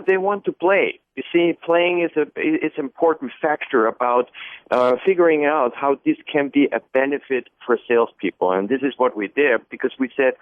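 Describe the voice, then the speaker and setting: A man's voice: a little high, no echo. Man, Austrian accent, radio guest, phone-line audio, dry sound, eager rambling answers, lots of fillers. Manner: long, enthusiastic answers with many fillers and restarts.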